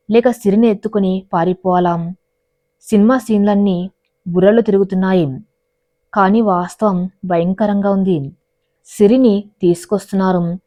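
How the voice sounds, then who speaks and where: A woman's voice: medium pitch, mellow, dry recording. A woman narrating a dramatic love story as a storyteller, in a scripted reading style. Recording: dry, dull lo-fi voice recording.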